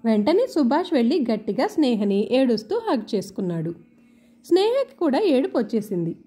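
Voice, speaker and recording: A woman narrating a romantic family story in an expressive, emotional storytelling manner. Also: fairly high pitch, moderate pace, husky. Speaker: audiobook narrator.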